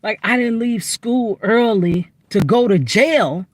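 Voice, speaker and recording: Woman, casual storytime vlog, animated and chatty, recorded in a car, dry close sound. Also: fairly high pitch, slow pace, no room sound. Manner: animated, chatty, lots of asides and fillers. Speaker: vlogger telling a story. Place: inside a parked car.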